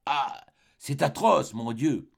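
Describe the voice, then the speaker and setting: A man reading the part of a poisoned young wife, her lines strained and anguished in a lively, uneven voice. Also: mid-range voice, slow pace, gravelly, slightly rough, pitched above the performer's own voice, heavily acted. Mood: agonized. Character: poisoned young wife, suffering, faint, stubborn.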